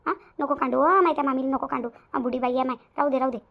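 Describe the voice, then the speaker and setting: A woman plays a pleading sister-in-law in a cartoon who coaxes gently. Her voice is high and quick, on a slightly lo-fi recording. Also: steady tone, creaky. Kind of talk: cartoon voice acting.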